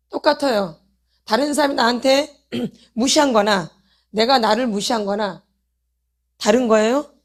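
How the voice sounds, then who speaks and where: High-voiced woman preaching urgently. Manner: urgent, presses listeners with repeated rhetorical questions; addresses the congregation directly, calls for repentance. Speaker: pastor's wife leading a healing meeting. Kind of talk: sermon.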